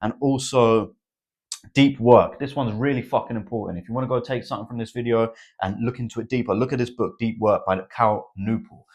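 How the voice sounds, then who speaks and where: A young self-improvement vlogger delivers a blunt motivational monologue in a mid-range, somewhat dark voice at a slightly fast pace. He swears a lot and keeps saying "bro" and "right?".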